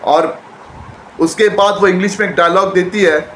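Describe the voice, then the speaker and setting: A man reviewing a movie trailer in casual chat, retelling scenes excitedly and often repeating and restarting his phrases. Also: sits high, normal speed. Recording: echoey room with faint background noise.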